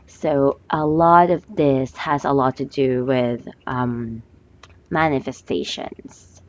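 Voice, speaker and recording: A woman with a hoarse voice giving a monthly love forecast as a tarot reader, talking gently and hesitantly with many fillers. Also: extremely low pitch, fairly even intonation, slow pace, highs cut off, slight background noise.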